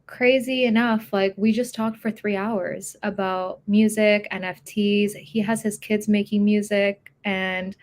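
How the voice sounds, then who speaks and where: A young adult woman co-hosting a podcast, telling stories in a lively, casual way and laughing easily. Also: medium pitch, unhurried, hardly any pauses. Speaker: podcast co-host. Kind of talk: casual chat.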